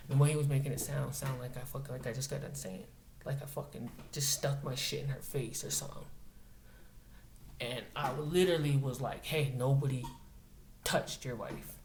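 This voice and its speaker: A man's voice: medium pitch, fairly even intonation, brisk, darkish tone. A man from Montana telling a story in a casual monologue. He talks bluntly, swears often and stresses his points. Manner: blunt, profane, emphatic. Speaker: vlogger. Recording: echoey room, faint noise.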